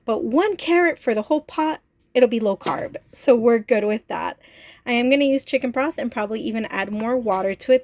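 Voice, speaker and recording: A woman RV travel vlogger with a stuffy head cold chats casually through a cooking vlog in her small RV kitchen, filling her talk with "like" and "um." Her voice is a little high, and the recording is dry.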